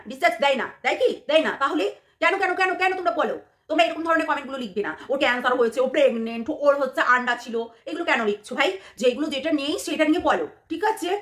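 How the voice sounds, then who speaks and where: Fast, bright-voiced scolding woman. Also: sits high. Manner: scolding, repetitive, taunting. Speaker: vlogger. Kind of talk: angry rant to camera.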